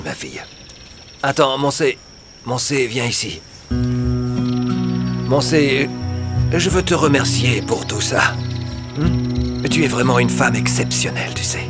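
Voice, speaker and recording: A man's voice: mid-range voice, natural voice. An older actor playing an affectionate old father thanking the women of his family, in a French-dubbed telenovela. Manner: warm, affectionate. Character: old father, grateful and tender.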